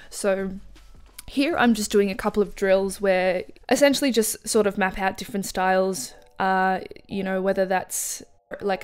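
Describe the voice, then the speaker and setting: A woman narrating a relaxed art tutorial, talking casually with many small fillers as she explains each step. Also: mid-range voice, smooth. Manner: casual, lots of "sort of" and "like" fillers.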